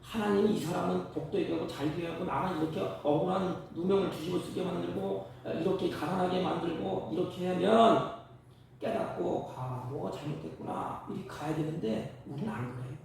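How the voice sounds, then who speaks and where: High gravelly pastor guy preaching, loud bursts, echoey church from far off. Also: a little fast, a little hiss or hum. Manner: preaching with sudden loud emphatic rises. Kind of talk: sermon. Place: church sanctuary.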